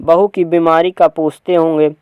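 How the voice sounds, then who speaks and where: A man's voice: a little high, level tone, normal speed, smooth, dry recording, lo-fi sound, natural voice. Hesitant older mother, meek but insistent, dry sound, man reading. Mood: pleading. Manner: hesitant, short pleading lines. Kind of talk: reading a play aloud.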